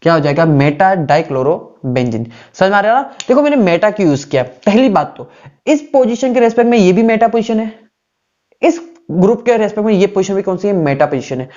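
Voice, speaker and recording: A man's voice: high-pitched, big pitch swings, fairly quick, a little mellow. Man teaching, quizzing himself, lo-fi sound. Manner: poses questions and answers them himself, repeating key terms. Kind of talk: classroom lecture.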